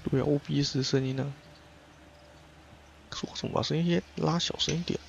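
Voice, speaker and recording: A man's voice: on the high side, fairly even intonation, a little fast, vocal fry, highs cut off, slight background noise. A man streaming a game live, muttering to himself and cursing as he fiddles with his settings. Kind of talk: live gameplay stream chat.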